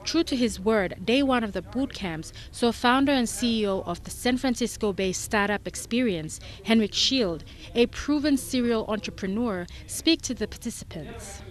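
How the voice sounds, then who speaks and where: A woman's voice: on the high side, moderate pace. Woman reading a news report. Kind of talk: scripted narration.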